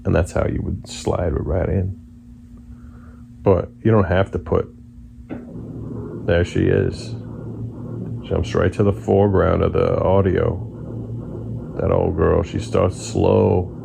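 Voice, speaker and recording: A man rambling casually in a drowsy, unhurried way as if he just woke up, musing dryly and whimsically at home. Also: low voice, level tone, gravelly. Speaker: vlogger. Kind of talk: rambling casual monologue to camera. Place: at home on a couch near the kitchen. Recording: loud hum of fridge and air conditioner. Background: humming refrigerator and air conditioning blower.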